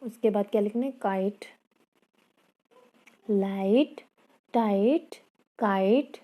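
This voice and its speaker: Patient woman teacher, dark mellow voice. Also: medium pitch. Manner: repeats words and asks the class questions; reads English lines slowly and carefully. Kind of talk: online class lesson in Hindi-English mix.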